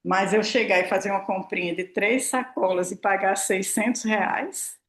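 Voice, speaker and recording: A woman's voice: medium pitch, normal speed. A woman, talking casually and expressively to her audience as a prosperity mentor, acting out her own remarks. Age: 60s. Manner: chatty, expressive, acts out her own quotes, tag questions. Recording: roomy echo.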